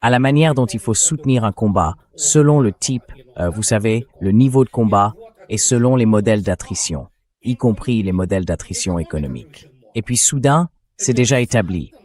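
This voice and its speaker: A man's voice: on the low side, animated, moderate pace, darkish tone. A man reading a translated voice-over of political and military commentary in a blunt, scornful, conversational way. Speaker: translated voice-over of an interview guest.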